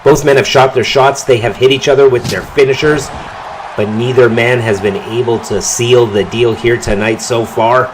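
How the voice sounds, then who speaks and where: Give me a man calling a wrestling match, middle-pitched, with clear background noise behind him. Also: normal speed, poor audio. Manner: excited calls that rise on big moves and pin counts. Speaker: wrestling commentator. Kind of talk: play-by-play commentary.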